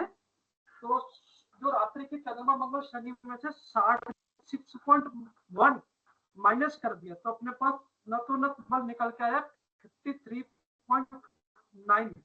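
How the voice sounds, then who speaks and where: A man's voice: very high voice, steady tone, a little slow, narrow, tinny audio. A male teacher explaining a calculation step by step over a video call, his audio choppy and breaking up. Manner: explains step by step, checks understanding. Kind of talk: online class explanation.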